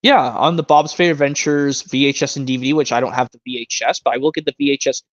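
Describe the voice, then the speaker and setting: Medium in pitch and steady in tone, this man talks fast. In his twenties, he hosts a casual live stream on muffled lo-fi audio, rambling along and restarting sentences frequently.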